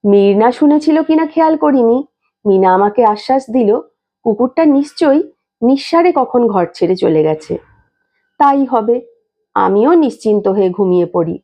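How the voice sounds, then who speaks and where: Lady reading a story out loud, swoops all over, kinda mellow voice, dull lo-fi sound. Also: a little high, moderate pace. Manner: lively expressive reading with shifting tones. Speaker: story reader. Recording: dull lo-fi recording.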